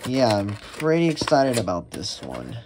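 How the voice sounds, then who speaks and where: A man giving casual unboxing commentary as a radio collector, talking in a halting way with many restarts and fillers. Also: mid-range voice. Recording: steady background noise with packaging crinkles and clicks.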